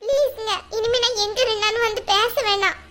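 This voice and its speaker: A woman's voice: extremely high pitch, fairly even intonation, brisk. A woman voicing a poor, meek young college student in a cartoon, speaking hesitantly and tearfully. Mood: hurt. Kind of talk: cartoon dub acting.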